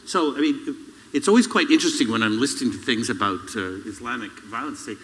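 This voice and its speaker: A man's voice: medium pitch, fast talker, a bit bright. A man of Northern Irish background moderating a public panel, wry and lecturing with dry jokes. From Northern Ireland background. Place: public event hall. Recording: reverberant hall.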